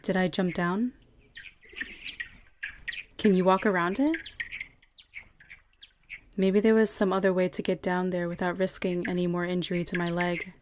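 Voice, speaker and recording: A woman streamer reading game text aloud in a measured way and answering her chat in quick asides, recorded at a home streaming setup. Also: lowish voice, little pitch movement, darkish tone, slight background noise.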